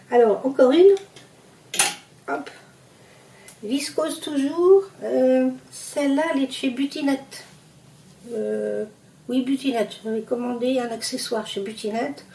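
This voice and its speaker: A woman's voice: on the high side, fairly even intonation, a little slow, gravelly, warm tone, echoey room, distant mic, a little hiss or hum, poor audio. A woman with a Parisian accent chatting through her sewing projects, hesitant with lots of fillers. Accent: Parisian French. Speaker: sewing vlogger. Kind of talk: casual show-and-tell vlog.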